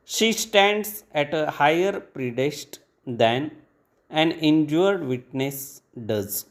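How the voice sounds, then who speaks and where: A man dictating formal legal text for shorthand practice, reading in short measured phrases with pauses between them. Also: fairly high pitch, lively intonation.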